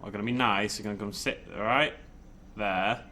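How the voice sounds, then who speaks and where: A man's voice: lowish voice, steady tone, normal speed, bright, forceful tone, a little hiss or hum. A man giving casual, informal game commentary, thinking aloud and playfully talking to the game. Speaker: gaming video host.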